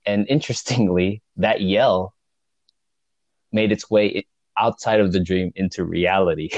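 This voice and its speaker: A man casually recounting a story as a guest, with halting restarts and frequent chuckles. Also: low voice, fairly even intonation, a little mellow, no room sound. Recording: dull lo-fi dry recording.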